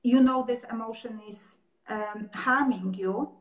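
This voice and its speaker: Give a woman interviewer with a slightly high voice who works her way through long questions, hesitating and circling back as she goes. Her voice carries the echo of a roomy space. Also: measured pace. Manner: searching, hesitant questions with fillers. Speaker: interview host. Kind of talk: conversational interview. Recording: echoey room.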